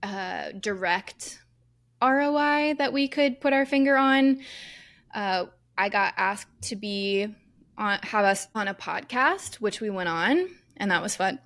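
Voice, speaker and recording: A woman's voice: medium pitch, animated, a little slow, a bit bright. A woman co-hosting a podcast in casual chat, telling candid stories with lots of fillers. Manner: chatty, candid storytelling with many fillers. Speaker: podcast co-host.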